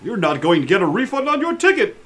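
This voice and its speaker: A man's voice: high voice, very animated, fast, fairly bright tone. A man playing in a tabletop game, joking and teasing the other players.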